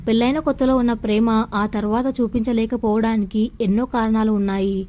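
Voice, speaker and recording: Woman doing a gentle, caring husband of fifty. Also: on the high side, steady tone, fairly quick, lightly acted. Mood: consoling. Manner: soft, consoling and explanatory. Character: gentle caring middle-aged husband, patient and kind. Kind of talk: audio story dialogue.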